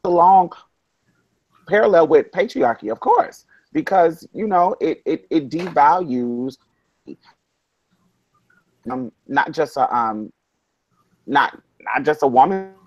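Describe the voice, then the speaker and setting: A woman's voice: low voice, animated, slow, long pauses, a little mellow, dry recording, muffled recording. A woman on a panel discussion over a video call. She talks earnestly and thinks aloud, and her audio keeps breaking up and dropping out.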